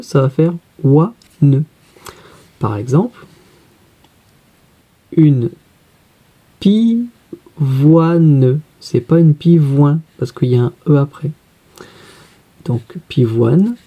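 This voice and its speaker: A woman teacher guiding pupils through a reading workbook, spelling letters out slowly and carefully. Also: low-pitched, mellow, husky.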